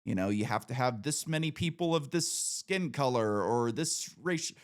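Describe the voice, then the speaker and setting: A man in his late thirties hosts a relaxed podcast chat. He talks at a middle pitch, gives his opinions freely and keeps the talk going with "like" and "you know". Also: normal speed. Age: 30s. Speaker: podcast host. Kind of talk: casual podcast conversation.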